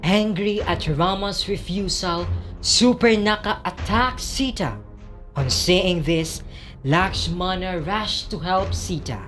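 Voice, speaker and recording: A narrator telling an epic tale in slow, measured scripted narration. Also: mid-range voice, a bit bright, soft background music.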